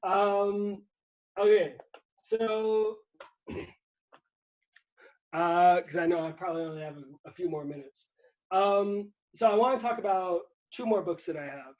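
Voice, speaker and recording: A man's voice: sits high, measured pace, pauses often, a little mellow, dull audio. A man from Puerto Rico talking casually about books, rambling with many restarts and easy laughs. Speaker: guest writer.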